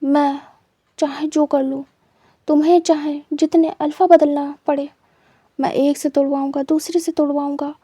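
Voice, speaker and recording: A woman voicing a menacing, possessive young man who gloats and threatens in a quiet, low voice for a storybook reading. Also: flat delivery, normal speed, no echo, natural voice. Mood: gloating.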